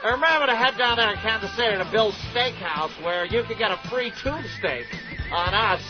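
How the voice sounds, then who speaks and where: A man's voice: high-pitched, fairly quick. A male radio host talking through a cardboard tube, hamming it up as a mock DJ in a comedy bit. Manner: hammy mock-DJ announcing. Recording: muffled radio audio with loud music bed.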